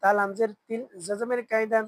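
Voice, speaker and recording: A Quran reading teacher with a Bangladeshi Bengali accent who spells each word letter by letter, chants it slowly and asks learners to repeat after them. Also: medium pitch, level tone, no room sound, low-quality recording. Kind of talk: slow spelled-out recitation lesson.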